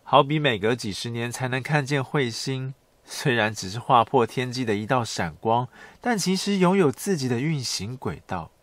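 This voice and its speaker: A middle-aged man hosting a podcast, narrating a script in a soft, intimate pillow-talk manner, like bedtime storytelling. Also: mid-range voice, lively intonation, normal speed, few pauses, no echo. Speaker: podcast host.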